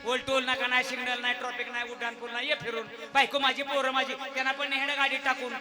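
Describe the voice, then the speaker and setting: A man's voice: extremely high pitch, monotone, fast. A man delivering a comic devotional sermon on stage, declaiming with jokes and rhetorical questions. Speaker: folk devotional comic performer. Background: loud folk music.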